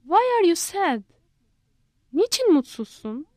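A woman's voice: sing-song, slow, dark tone, dry recording, clean studio sound, heavily acted. A woman voicing a fussy, talkative male monkey who keeps asking questions. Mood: curious. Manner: high, prodding questions.

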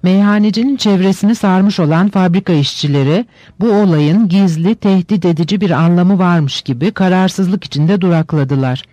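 A man reading a novel aloud in steady, measured scripted narration. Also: sits high, no room sound.

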